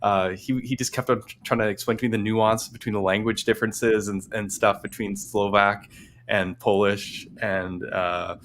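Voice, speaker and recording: A man's voice: lowish voice, steady tone, normal speed, fairly bright tone, a little hiss or hum. A man hosting a casual tech livestream, rambling with many restarts and fillers. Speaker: livestream host.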